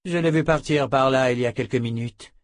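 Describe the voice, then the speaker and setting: A man's voice: medium pitch, brisk, no echo, pitched above the performer's own voice, lightly acted. A man voicing a stern female warrior bodyguard. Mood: calm.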